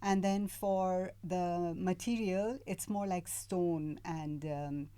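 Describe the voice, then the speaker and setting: A middle-aged woman from Iran, a guest artist, speaking hesitantly with many pauses in casual interview chat. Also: on the low side, steady tone, dark tone, clean tone, no echo. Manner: hesitant, many fillers and restarts.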